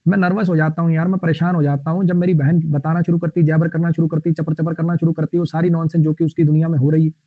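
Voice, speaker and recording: A man's voice: on the high side, level tone, dry recording. Playful man teaching English vocabulary online. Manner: playful, explains with mnemonics; reads English examples slowly. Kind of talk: online class lecture. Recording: tinny, phone-like line.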